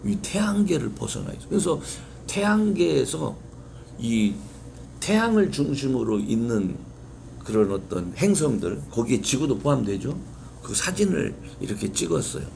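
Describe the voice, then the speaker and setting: A man's voice: mid-range voice, big pitch swings, measured pace, gravelly, darkish tone, a little hiss or hum. A male pastor preaching an impassioned sermon, putting rhetorical questions to his congregation. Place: church sanctuary.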